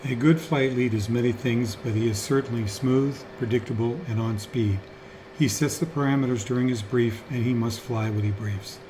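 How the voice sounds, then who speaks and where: Male tutorial narrator, measured and methodical, formal scripted teaching, middle pitch, light background noise. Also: fairly even intonation, warm tone, low-quality recording. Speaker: flight simulator instructor.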